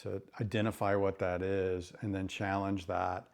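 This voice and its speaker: A man's voice: deep voice, level tone, moderate pace, gravelly. A middle-aged man, a therapist, explaining recovery ideas in an earnest way and often repeating words as he starts a thought. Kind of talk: educational talk to camera.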